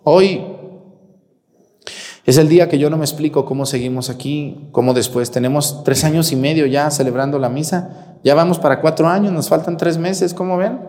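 A man's voice: fairly high pitch, darkish tone. A man with a Mexican Spanish accent who preaches as a priest at mass, speaking to his listeners in a folksy, emphatic way. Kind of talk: sermon during live-streamed mass. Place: church. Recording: reverberant church.

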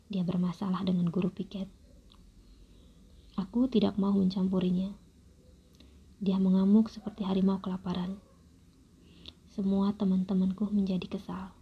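Young woman narrator, breathy near-whisper, dull lo-fi recording. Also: medium pitch. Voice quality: breathy, husky. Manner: soft, calm and measured, near-whispered. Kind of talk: first-person storytelling.

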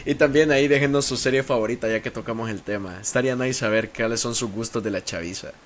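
A man's voice: medium pitch, quick pace, a little hiss or hum. Laid-back slangy man co-hosting a podcast. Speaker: podcast co-host. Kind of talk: casual chat.

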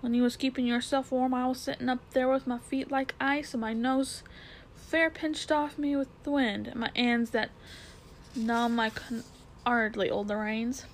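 A woman's voice: fairly high pitch, little pitch movement, moderate pace, a little hiss or hum, lightly acted, poor audio. A woman voicing a plain-spoken London cabman with a Cockney accent, dropping his h's. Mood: earnest. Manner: h-dropping, earthy and blunt.

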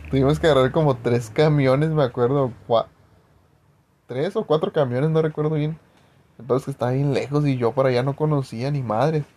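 A man's voice: mid-range voice, darkish tone. Slangy young Mexican guy telling a story. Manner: slangy, profane, rambling storytelling. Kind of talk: casual personal anecdote.

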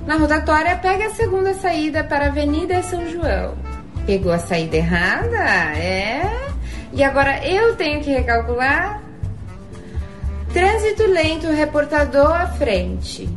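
A woman doing a sarcastic GPS lady. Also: sits high. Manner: teasing, sarcastic, mock-polite announcer tone. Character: mocking female GPS navigation voice, sassy and judgmental.

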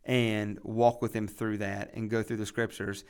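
A man's voice: on the low side, level tone, unhurried, smooth. Earnest man, a pastor, repeating himself. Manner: earnest, repeats words while building points. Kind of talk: casual podcast conversation.

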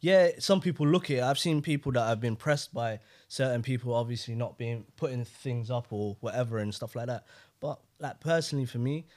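A man's voice: medium pitch, fairly quick, a little mellow. A young man with a London roadman accent, chatting casually in slang on a podcast and checking that others follow. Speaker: podcast participant.

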